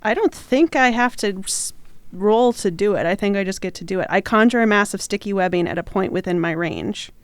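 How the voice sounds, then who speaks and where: A woman's voice: medium pitch, a little fast, smooth, no echo. A woman chatting casually as a player in a tabletop game.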